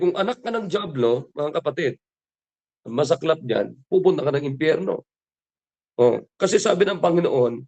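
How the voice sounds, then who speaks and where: A Filipino pastor delivering a morning devotion, a man whose voice sits a little high and carries a gravelly edge. He presses his flock with repeated questions and drops into English to quote scripture. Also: darkish tone. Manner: preaching with rhetorical questions, switching into English for scripture.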